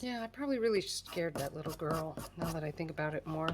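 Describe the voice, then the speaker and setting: A low-voiced, animated American woman from the United States talks fast while hosting a crafting livestream. As she works, she chats casually, makes fun of herself, and laughs often, sounding slightly congested. The background is noisy.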